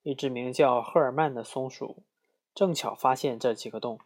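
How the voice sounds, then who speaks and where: A man reading a rhyming children's picture book aloud in a lively, expressive way. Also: medium pitch, moderate pace. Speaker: storyteller.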